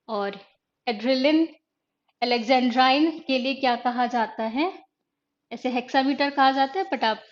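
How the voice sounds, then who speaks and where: A woman English teacher giving an online exam-prep lecture. She mixes Hindi and English and explains by asking questions and then answering them herself. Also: on the high side. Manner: reads poetry slowly and deliberately. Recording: dull lo-fi online class audio.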